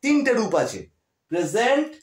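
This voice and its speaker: A man's voice: extremely high pitch, big pitch swings, moderate pace. A man with a West Bengal Bengali accent teaching a grammar lesson, patiently repeating key words and often checking that students follow. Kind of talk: classroom-style grammar lesson. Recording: echoey room.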